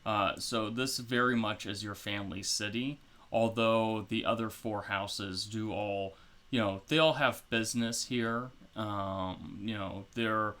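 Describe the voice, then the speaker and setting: A man narrating a tabletop game as game master, explaining in an unhurried, filler-heavy way. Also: fairly low pitch, fairly even intonation, fairly bright tone.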